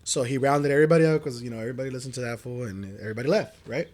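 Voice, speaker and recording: A man's voice: mid-range voice, racing. A young man on a podcast telling a story casually, swearing and acting out what people said. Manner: animated, swearing, acts out quotes. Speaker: podcast guest.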